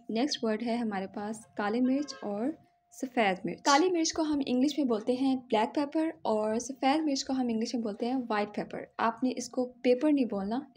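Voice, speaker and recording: A woman teaching a casual vocabulary lesson in a somewhat high voice. She explains patiently and keeps pausing to check in with the viewer. She repeats each word carefully so it can be copied. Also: darkish tone. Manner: patient, often checks in with "theek hai?"; repeats words slowly to model pronunciation. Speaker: language teacher and channel host.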